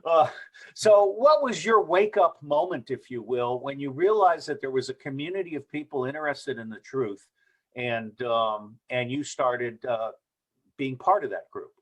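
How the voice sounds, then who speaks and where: A man's voice: medium pitch, lively intonation, measured pace. An older man interviewing a guest over a remote call, asking direct questions and steering the conversation.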